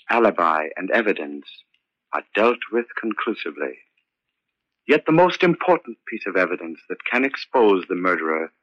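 An actor playing an ominous, brooding murder-mystery narrator in theatrical, slow 1940s radio style. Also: male voice, lowish voice, pushed and bright. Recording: noisy, dull old 1940s radio recording.

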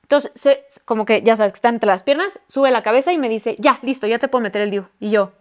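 A woman's voice: fairly high pitch, fast talker. A woman in her twenties with a Mexican accent, telling a personal story on a podcast in candid, slangy speech. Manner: candid, slangy, swears freely, acts out quotes. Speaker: podcast guest. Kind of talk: casual storytelling.

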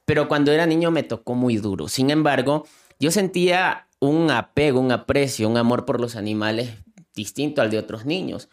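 In a mid-range voice at normal speed, a young man who rescues animals and creates content recounts his story during an interview. He comes from coastal Manta in Ecuador, speaks earnestly from the heart, and repeats words when he is moved.

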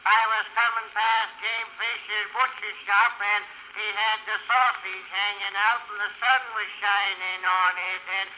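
A man's voice: high-pitched, level tone, unhurried, hardly any pauses, bright, forceful tone. A man telling a folksy comic yarn in a drawling way, heard from an old wax cylinder recording. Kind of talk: comic rural storytelling monologue. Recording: faint hiss, distant, tinny early cylinder recording.

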